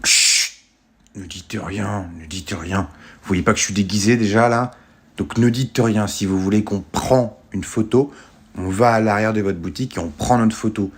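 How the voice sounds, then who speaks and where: A man playing an irritable man in disguise who talks in a hushed voice in a comedy sketch. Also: fairly low pitch, steady tone, normal speed, breathy edge, pitched below the performer's own voice.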